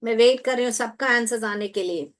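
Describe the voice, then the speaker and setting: A woman's voice: a little high, brisk. A woman leading an online teaching workshop, coaxing her audience and spelling out letters one by one. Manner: coaxing, repeats prompts, spells letters aloud. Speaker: teacher trainer.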